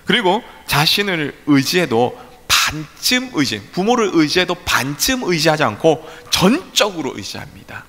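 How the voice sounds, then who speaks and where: A man's voice: medium pitch, pushed and bright. A male pastor preaching a sermon at a midweek church service, asking rhetorical questions and acting out voices. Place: church sanctuary. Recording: echoey church hall.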